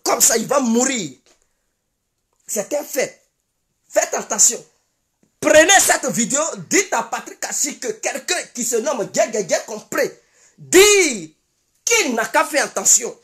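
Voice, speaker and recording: An Ivorian woman delivers a fiery political commentary straight to her viewers. Her high voice rises and falls dramatically as she hammers home the same insistent declarations again and again. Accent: Ivorian French. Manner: emphatic, repeats insistent declarations. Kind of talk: impassioned political commentary monologue.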